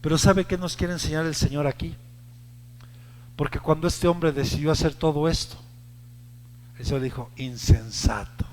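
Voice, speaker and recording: A man, a pastor with a Mexican Spanish accent, preaching a sermon to his congregation, rising to shouted peaks and acting out the voices he quotes. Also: fairly high pitch, fairly even intonation, normal speed, in a large hall. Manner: addresses the congregation directly with call-and-response prompts.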